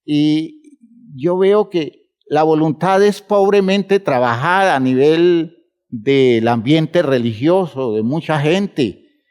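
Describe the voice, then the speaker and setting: A man preaching a sermon, emphatic and measured, speaking to the congregation as brothers and stretching words for emphasis. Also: a little high, a little mellow, clear, resonant tone.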